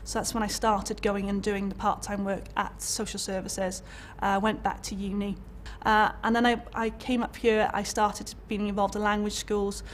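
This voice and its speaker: In a mid-range voice with slight background noise, a young college lecturer from Wales talks frankly about her working life in an interview. She has a Welsh accent, chats freely with lots of fillers and false starts, and is recorded inside a college room.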